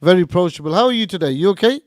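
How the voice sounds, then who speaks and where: A man's voice: high voice, lively intonation, rapid-fire. A man co-hosting a live radio show in casual chat, hesitant and often repeating his words and phrases. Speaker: radio co-host.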